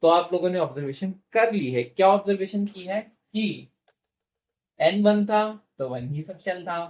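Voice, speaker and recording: A man teaching chemistry in a classroom-style lecture, asking questions and answering them himself, slowing down to spell out formulas, and gently teasing his students. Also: high-pitched, expressive, highs cut off. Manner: asks questions and answers them himself, repeats key terms; playfully teasing toward students.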